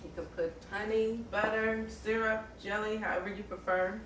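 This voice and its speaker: A woman's voice: medium pitch, steady tone, noisy background. A woman demonstrating a recipe as a guest cook, drawing out her descriptive words one by one. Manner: slow, savoring descriptive words. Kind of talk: cooking demonstration. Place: kitchen indoors. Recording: echoey kitchen, mic far off, dishes clattering.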